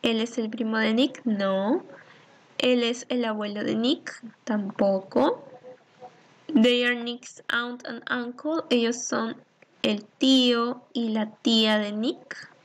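A woman teaching children in a recorded English lesson, with a slightly high voice and an unhurried pace. She reads each English line and then translates it, and patiently asks questions that she answers herself. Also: steady tone.

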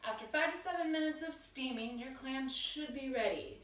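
Young woman host for a cooking tutorial: chatty, upbeat, a little high, recorded on a distant camera mic in an echoey home kitchen. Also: normal speed, loud music behind the voice. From Washington State. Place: small home kitchen, indoors.

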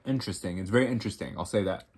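Low husky man, rambling tasting chat. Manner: rambling, halting, mumbling. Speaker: co-host tasting food. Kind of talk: casual snack review chat.

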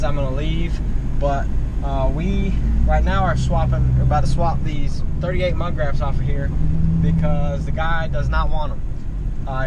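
A young man, talking casually to a dashboard camera from inside a pickup truck cab, with a laid-back drawl and many filler words. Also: a little high. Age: young adult. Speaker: vlogger selling a truck. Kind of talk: casual vlog narration. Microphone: camera mounted on the dashboard. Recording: loud road and engine noise. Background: loud car and air conditioning noise.

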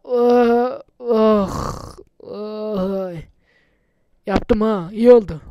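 A man's voice: sits high, steady tone, extremely slow, mellow, clear, resonant tone, dull audio. A man doing casual, chatty gameplay commentary for his channel, muttering to himself and swearing often. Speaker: gaming YouTuber.

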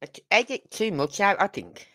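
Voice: mid-range voice, sing-song, normal speed, bright, forceful tone. A host in their fifties giving chatty commentary on a true crime channel, asking rhetorical questions. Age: 50s. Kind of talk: casual commentary.

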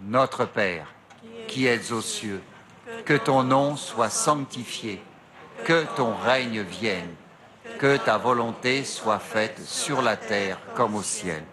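A middle-aged male priest leading the rosary at an outdoor grotto shrine, reciting prayers slowly into a lectern mic. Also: on the low side, a crowd in the background. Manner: slow measured prayer recitation. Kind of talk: slow recited prayer and meditation. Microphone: stand mic at a lectern.

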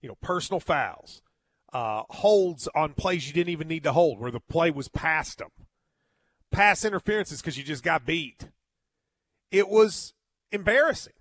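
A male sports host delivers a solo postgame monologue in a fairly high voice. The sound is very dry. He is emphatic, often stopping and repeating words as he makes his point. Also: expressive, a little slow, a bit bright, dry recording.

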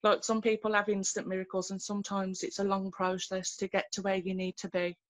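Earnest woman, flat even voice. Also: mid-range voice, no echo. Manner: earnest and halting, many fillers and restarts. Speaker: guest sharing her faith story. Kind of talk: personal testimony in a video call. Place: small room at home, indoors. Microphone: laptop webcam on a video call.

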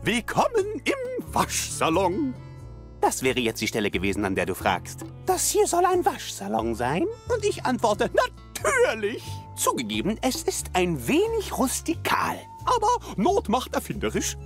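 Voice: mid-range voice, huge pitch swings, unhurried, soft background music. An actor voicing a quirky, chirpy laundry man in a video game with playful singsong delivery. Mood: zany, cheerful. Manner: singsong, playful, talks in self-answered questions.

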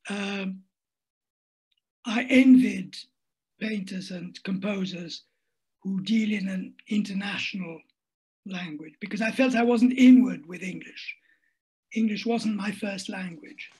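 An older man, a writer, is interviewed over a video call through his laptop webcam while sitting at a desk in a room at home. His high voice is a little mellow and slightly rough, moving at a slow pace with long pauses. The conversation is reflective, and he sounds thoughtful and hesitant, restarting often.

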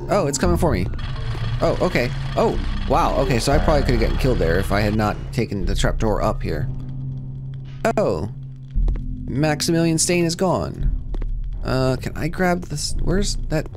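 A let's play gamer gives commentary on a horror game as he plays, jumpy and joking and talking back to the on-screen characters. His medium-pitched voice is animated at a moderate pace. Clear game music plays behind him.

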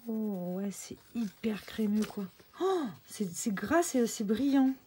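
A woman's voice: medium pitch, slow, a little hiss or hum. Chatty woman unboxing art supplies. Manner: chatty, excited, full of fillers and restarts. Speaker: craft vlogger. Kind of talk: casual unboxing vlog.

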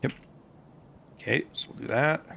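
A man's voice: normal speed, a bit bright, a little hiss or hum. A man giving casual commentary to himself while playing a shooter game, muttering as he loots and swearing now and then. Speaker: gameplay streamer.

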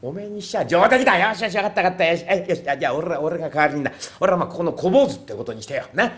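A man voicing a rough, lazy fake priest who talks in gruff, brusque slang, in rakugo storytelling. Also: a little high, animated, very fast, a bit bright, slight background noise. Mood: scheming.

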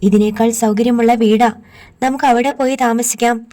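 A woman's voice: fairly high pitch, fairly even intonation, moderate pace, warm tone, lightly acted. A woman reading an audiobook, voicing a strict, protective grandmother who scolds and insists. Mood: stern.

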